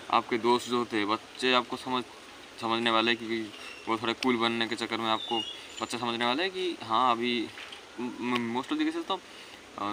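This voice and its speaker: Background noise accompanies a medium-pitched teenage boy as he rambles through earnest advice on self-improvement. His monologue is casual, and he keeps repeating himself.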